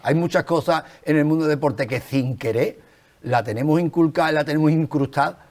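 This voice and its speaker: A man's voice: on the high side, fairly quick, darkish tone. A man with an Andalusian Spanish accent, a former football coach, speaking as a guest on a talk show and repeating his points for emphasis.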